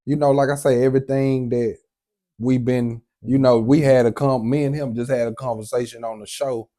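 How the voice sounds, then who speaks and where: A man's voice: medium pitch, steady tone, normal speed, warm tone. A man co-hosting a casual chat, speaking in short, encouraging remarks. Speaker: podcast co-host.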